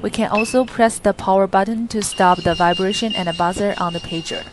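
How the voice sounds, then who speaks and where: A woman narrating a scripted product demonstration in a plain, steady reading voice with small grammar slips. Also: mid-range voice, brisk, noisy background. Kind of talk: scripted instructional voice-over.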